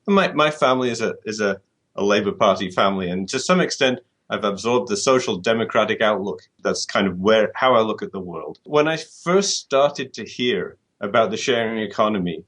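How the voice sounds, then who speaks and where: This British author speaks in a fairly low, fairly bright voice during a conversational interview. He reasons things through thoughtfully, restarting and repeating words as he thinks.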